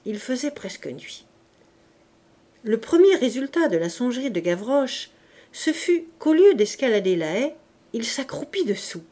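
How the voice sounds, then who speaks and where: A woman reading a classic novel aloud as audiobook narration, measured and deliberate. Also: fairly high pitch, big pitch swings, dark tone. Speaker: audiobook reader.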